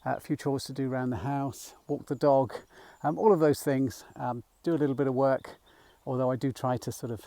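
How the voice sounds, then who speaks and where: A middle-aged man speaks softly and rambles a little as he walks through a field, slightly out of breath. His voice is low-toned, gravelly and mellow, with plenty of fillers and restarts. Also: steady tone, fairly quick, hardly any pauses, dry recording. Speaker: nature mindfulness guide. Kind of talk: casual walking vlog. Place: outdoors in a field by a small woodland.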